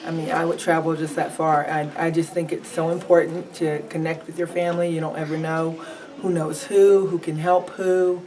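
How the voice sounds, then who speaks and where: A woman talking earnestly in an interview, halting with fillers. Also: low voice, little pitch movement, darkish tone. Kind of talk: casual interview. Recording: distant mic, crowd chatter behind.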